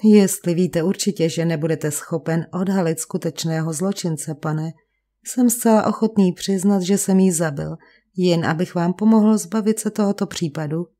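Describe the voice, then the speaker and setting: A woman's voice: on the low side, dark tone, lightly acted. A weary, cultured young painter, read by a woman. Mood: resigned, cultured. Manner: cultured, resigned. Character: frail, refined male painter around thirty, weary.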